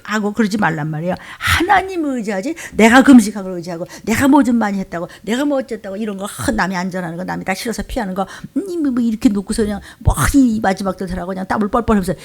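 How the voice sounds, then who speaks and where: A woman pastor preaching an emotional sermon. She swings between loud, fervent outbursts and low muttering asides. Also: expressive, quick pace, hardly any pauses.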